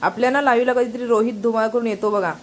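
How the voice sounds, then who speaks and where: A woman's voice: on the high side, steady tone, fast, a little hiss or hum. A woman gives running commentary to her viewers while visiting a neighbour's home for a festival. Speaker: vlogger. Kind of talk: casual vlog narration.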